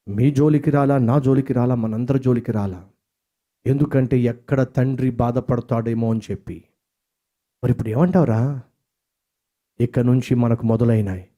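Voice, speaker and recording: A man's voice: mid-range voice, dark tone. A male pastor preaching a sermon dramatically, asking the listeners rhetorical questions and acting out dialogue.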